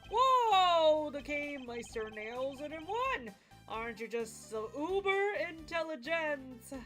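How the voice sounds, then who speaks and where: A woman's voice: sits high, big pitch swings, slow, a bit bright, soft background music, pitched above the performer's own voice, exaggerated voice. A woman voicing a breezy, roguish male attorney for a video game, with theatrical drawling old-time slang. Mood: jaunty, teasing.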